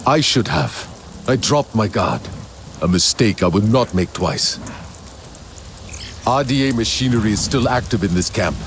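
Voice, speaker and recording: A man's voice: lowish voice, animated, measured pace, long pauses, slight background noise. A man playing a stern, self-blaming clan warrior leader in a video game, with grave and formal delivery. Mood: grim, resolute.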